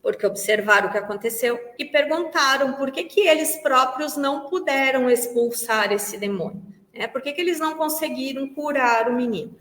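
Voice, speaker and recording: A Brazilian Portuguese woman gives a Spiritist study talk, explaining slowly and repeating phrases as she thinks. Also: sits high, fairly bright tone. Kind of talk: religious study lecture. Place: large meeting hall. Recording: echoey hall with long reverb.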